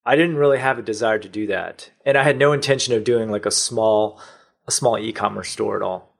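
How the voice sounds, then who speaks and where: A man's voice: on the low side, a little fast, vocal fry. A middle-aged man from the United States, a podcast guest telling his business story in a matter-of-fact way. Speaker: podcast guest, online store owner. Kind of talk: conversational interview.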